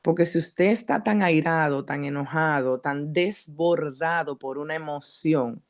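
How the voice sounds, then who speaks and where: A woman psychologist giving a teaching talk at a church, addressing the congregation directly and asking them questions in a lively, earnest way. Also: sits low, measured pace. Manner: lively, earnest preaching delivery.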